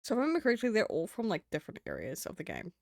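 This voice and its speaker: A streamer with a New Zealand accent rambles and swears through a casual live stream, laughing often. The voice is medium-pitched, creaky and racing, with wildly swooping pitch, in a dry, studio-quality recording.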